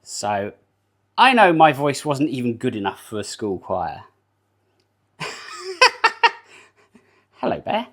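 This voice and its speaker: Baking in his kitchen at home, a UK streamer rambles through a relaxed live-stream chat, responding to viewers and laughing frequently. He talks slowly with frequent pauses, and his fairly bright, medium-pitched voice bounces through huge pitch swings.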